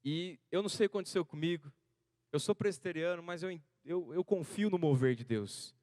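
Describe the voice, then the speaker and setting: In a church hall, a thirties-aged seminarian from Brazil shares a personal story as the core of his sermon, alternating between quiet stretches and loud, building ones. He talks fairly quickly in a slightly high voice, captured cleanly with no echo, like a studio recording.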